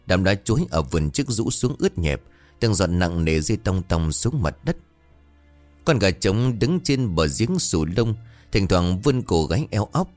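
A man giving an atmospheric, expressive scripted narration of a ghost story. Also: deep voice, no echo. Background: faint music.

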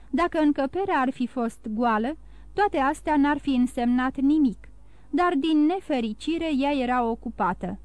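A woman narrating a classic novel as an audiobook in a steady storytelling reading. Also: sits high, dry recording. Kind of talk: scripted narration.

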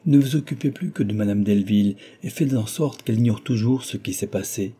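A man's voice: fairly low pitch, fairly quick, warm tone, breathy edge. A man voicing a distressed young heiress, breathless and pleading in a tender storybook scene. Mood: urgent.

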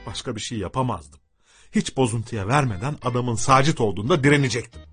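A man telling a humorous story aloud in a lively, dramatic manner. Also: medium pitch, fast talker, breathy edge, faint music behind.

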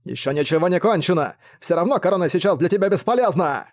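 Man doing an enraged villain mage, high strained voice, venomous, audiobook. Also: lively intonation, fast. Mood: spiteful. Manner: shouting, venomous. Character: furious male villain mage, hissing threats.

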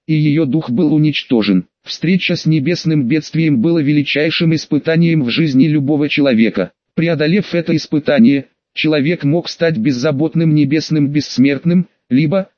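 Male audiobook narrator, steady reading, slightly high pitch, dull dry lo-fi sound. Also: dry recording. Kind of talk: scripted narration.

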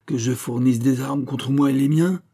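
A man voicing an irascible, pompous old priest schoolmaster who shouts in indignation. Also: mid-range voice, fairly even intonation, normal speed, pitched above the performer's own voice, lightly acted. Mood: furious. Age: older.

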